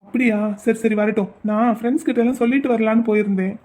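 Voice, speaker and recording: A woman playing a moody cartoon boy, warm, slightly raised pitch. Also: fairly even intonation, fast, natural voice. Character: teenage village boy, moody but kind.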